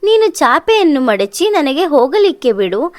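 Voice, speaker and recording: A woman's voice: high-pitched, big pitch swings, a little slow, no echo. A woman voicing a small ant that reasons and bargains. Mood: reasoning.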